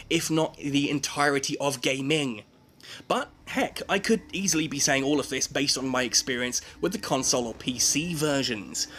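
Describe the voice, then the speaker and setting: A man narrates a scripted video game review as the reviewer. His voice sits a little higher than most men's. He phrases things with emphasis and a sense of drama. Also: fairly bright tone, slight background noise.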